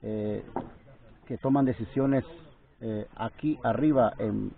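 A man with a mid-range voice asks long, formal questions at a steady pace. He sits back from the recorder, so he sounds far away. The sound is tinny and narrow, like a phone. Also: mid-range voice, slow, gravelly. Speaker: interviewer. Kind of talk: journalistic questioning.

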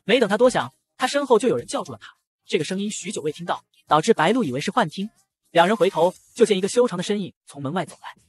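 A man narrating an audio comic in a brisk storytelling manner. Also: high-pitched, animated.

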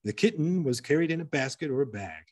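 A man, working as a museum curator, giving a slide lecture in an auditorium, reading an old article aloud with pauses and restarts. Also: on the high side, animated, a little mellow. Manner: reads with pauses and restarts, chuckles at anecdotes.

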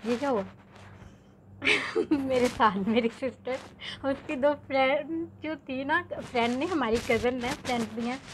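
Young woman vlogger, slightly high pitch, animated casual storyteller who leans on filler words. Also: a little hiss or hum. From Pakistan. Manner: chatty, animated, peppers speech with filler words.

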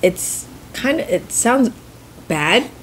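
A woman's voice: fairly high pitch, animated, slow pace, fairly bright tone, slight background noise. An American woman hosting a casual chat over a meal, rambling and correcting herself as she explains. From United States. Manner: rambling, self-correcting, hedges often. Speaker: host.

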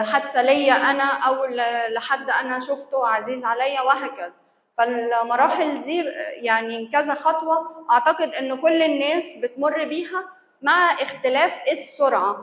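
A woman's voice: high-pitched, a bit bright. A woman with an Egyptian accent giving a conversational lecture to church servants, acting out the reactions of the people she describes. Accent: Egyptian Arabic. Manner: conversational, acts out quoted reactions. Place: church hall. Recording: echoey hall.

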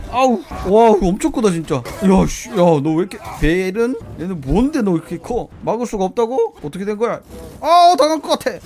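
A gameplay commentator giving excitable let's-play commentary, yelping and shrieking in panic and making playful jokes. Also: mid-range voice.

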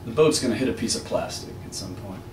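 A man performing at an apartment experimental music show, telling a meandering story in a deadpan, wry way between improvised pieces. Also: lowish voice, fast talker. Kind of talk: rambling spoken monologue between improvised music. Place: small apartment used as a live music venue. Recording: roomy, distant live room recording with faint noise.

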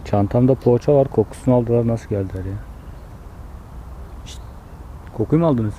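A man's voice: medium pitch, normal speed, warm tone, a little hiss or hum. Chatty man coaxing zoo animals. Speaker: zoo vlogger. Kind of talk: casual narration while filming animals. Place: outdoors in a zoo enclosure.

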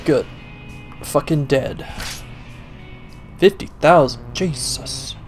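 A young man talks through a video game in a loose, sarcastic way, swearing freely and muttering asides to himself. His voice sits at an ordinary middle pitch, and faint game music plays behind him. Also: slow pace. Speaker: let's play gamer. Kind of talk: casual gameplay commentary.

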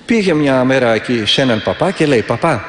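Speaking in an expressive mid-range voice, the Orthodox monk mixes stories into his sermon, earnest and vivid, returning again and again to prayer. His words echo in a reverberant hall.

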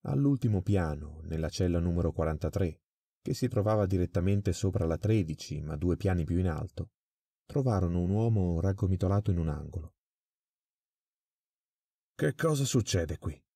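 A man reading a crime story aloud in a measured, dramatic storytelling manner. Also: deep voice, gravelly, warm tone, dry recording, clean studio sound. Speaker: audiobook reader. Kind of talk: scripted story narration.

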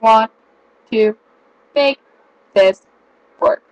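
Woman speaking like a halting robot. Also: a little high, lo-fi sound. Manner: slow halting word-by-word robotic delivery. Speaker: vlogger. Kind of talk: casual vlog chat.

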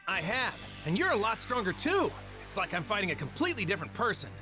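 A man's voice: high voice, big pitch swings, fast, sharp tone, full character voice. A man voicing a cheerful, bold martial-arts hero in a video game, earnest and plain-spoken. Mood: eager. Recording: game music behind the voice.

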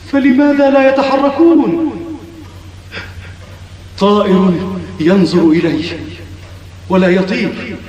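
An actor playing a frightened young stranger lost in a city turned to stone, in a vintage Arabic radio drama, crying out and pleading in a breathless monologue. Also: male voice, sits high, a little mellow. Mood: uneasy wonder. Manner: fearful, breathless monologue, cries out and calls aloud. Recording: roomy echo, distant mic, crowd noise behind.

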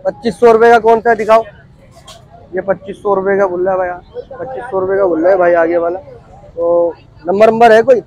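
A man's voice: high voice, fairly even intonation, a little fast, long pauses, darkish tone, low-quality recording. A man in his thirties vlogging through a busy outdoor street market, chatting casually, repeating prices and talking to viewers. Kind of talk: casual walkthrough vlog, asking prices.

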